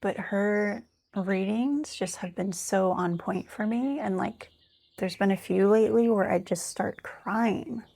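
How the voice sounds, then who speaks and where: A woman with a gravelly, husky, mid-range voice delivers a casual spiritual monologue at a measured pace, half reading notes aloud and half musing. She's candid and unfiltered, rambling, thinking out loud with many fillers, and swearing freely.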